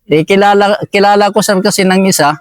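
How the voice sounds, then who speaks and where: A man's voice: high-pitched, fairly even intonation, brisk, no room sound. A man from Eastern Samar, recounting a war story to his interviewer and addressing him as sir at almost every phrase. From Eastern Samar, Philippines. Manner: deferential, says "sir" constantly. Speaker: militiaman guest.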